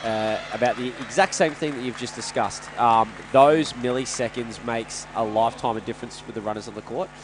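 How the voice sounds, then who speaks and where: A man's voice: medium pitch, fairly even intonation, a little fast, few pauses, some chatter behind, a little hiss or hum, low-quality recording. Congested Australian man, pinched-nose nasal commentary. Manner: self-deprecating, jokey. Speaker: sports commentator. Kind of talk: live match commentary and banter. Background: indoor sports venue with games nearby.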